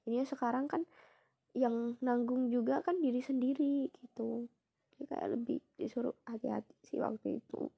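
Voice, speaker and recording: A young woman from East Java telling a personal story in a soft, reflective way, pausing often with fillers. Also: fairly high pitch, steady tone, gravelly, breathy edge. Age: young adult.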